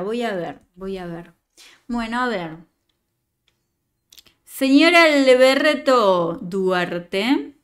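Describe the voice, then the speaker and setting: A woman's voice: medium pitch, darkish tone. A woman leading a writing workshop, reading a student's story aloud and giving chatty, digressive, teasing feedback.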